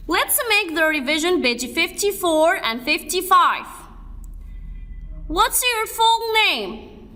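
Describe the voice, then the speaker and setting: A woman teaching spelling to young children, saying each word and letter slowly in a sing-song way. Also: extremely high pitch, expressive, pushed and bright, in a large hall. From Egypt. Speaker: kindergarten English teacher. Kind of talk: spelling drill lesson for young kids.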